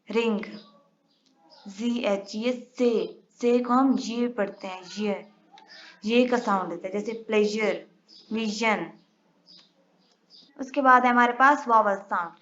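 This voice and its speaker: Woman teacher, young, slow and deliberate, dull lo-fi sound. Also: a little high, fairly bright tone. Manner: slow, careful, spells out letters and sounds. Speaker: English teacher. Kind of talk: recorded lesson. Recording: dull lo-fi recording.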